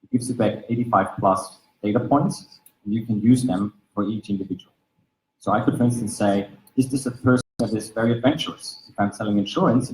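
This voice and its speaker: An Austrian man whose first language is German gives an explanatory conference presentation at a conference venue, speaking with an Austrian German accent. He leans heavily on fillers such as "basically" and "right?". His voice is fairly low and darkish, and the audio is poor and reverberant.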